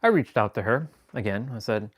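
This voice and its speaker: A man's voice: lowish voice, lively intonation, fairly quick. A man hosting a live stream, talking in a rambling, self-assured spiritual monologue and restarting sentences as he goes.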